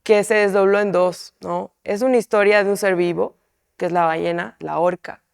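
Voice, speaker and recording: A woman's voice: mid-range voice, steady tone, normal speed, creaky, clear, resonant tone, dry recording, clean studio sound. A woman, an artist, explaining a piece in an interview in a reflective way, often tagging her sentences with questioning asides. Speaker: artist in a collective.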